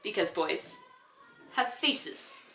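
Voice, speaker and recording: A teenage girl vlogger telling a casual story-time tale in an animated, giggly, rambling way. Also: fairly low pitch, very slow, echoey room, slight background noise.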